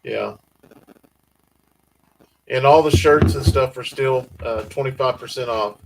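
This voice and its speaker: A man's voice: medium pitch, a little slow, gravelly, noisy background. A man with a Southern US accent hosting a casual family-farm livestream, reading viewer comments in a laid-back drawl. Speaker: livestream host.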